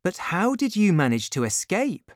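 A woman's voice: fairly low pitch, very animated, moderate pace, no room sound, studio quality, voice pushed up. A woman voicing a brave young guardsman. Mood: calm. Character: brave young male guardsman, urgent and gallant.

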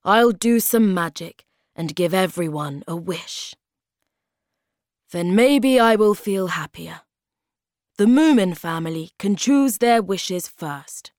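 A weary, ancient male hobgoblin from a storybook, voiced by a woman reading aloud. He speaks slowly and solemnly, with a heavy sadness. The sound is dry and close, with no room around it. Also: on the low side, lively intonation, darkish tone, no room sound. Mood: sad.

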